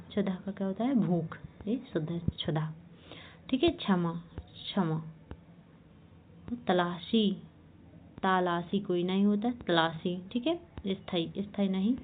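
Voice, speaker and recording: Woman teacher drilling words slow, says each one twice, asks quick checks, thin phone-like sound with a bit of hiss. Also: medium pitch. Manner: checks with short questions, often says "theek hai". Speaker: Hindi teacher. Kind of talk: online exam-prep class. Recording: tinny phone-like audio, faint hiss.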